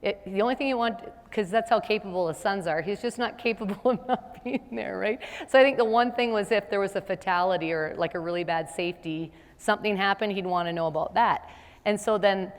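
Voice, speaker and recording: A middle-aged woman leads a business seminar, talking with the room in a conversational way and checking in with a quick rhetorical question. Her voice rings with a long reverb, as if caught in a large hall. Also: medium pitch. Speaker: seminar presenter.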